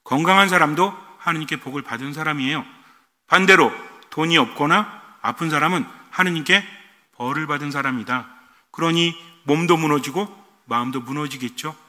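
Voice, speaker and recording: Priest guy preaching, keeps firing questions at the pews, fairly high bright voice, big church echo. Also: normal speed. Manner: animated, asks the congregation rhetorical questions. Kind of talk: sermon.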